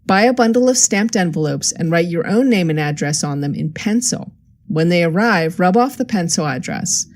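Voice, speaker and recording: A cheerful, scheming young forger who is pleased with her own cleverness, voiced by a woman narrator. She talks with confident, faintly superior breeziness in a slightly low, warm register, as in a read-aloud crime story. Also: animated, normal speed, natural voice.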